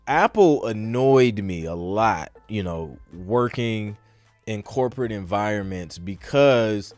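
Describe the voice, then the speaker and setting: A man with a medium-pitched voice, recorded with no room sound, runs a casual live question-and-answer segment on his podcast. He reads each question and rambles toward an answer, thinking out loud and saying "like" and "you know" constantly.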